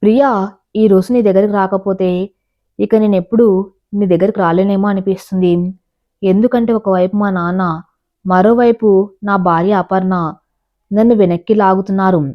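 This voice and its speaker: A woman telling a dramatic story in calm, measured narration, voicing quoted lines without changing her voice. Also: medium pitch. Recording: dull lo-fi recording.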